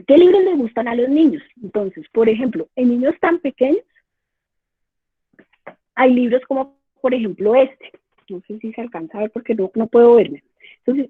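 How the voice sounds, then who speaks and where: A woman's voice: a little high, husky, dry recording. Colombian woman lecturing over a tinny line. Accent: Colombian Spanish. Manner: explanatory, lively, rhetorical questions. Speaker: university professor. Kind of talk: remote lecture to parents.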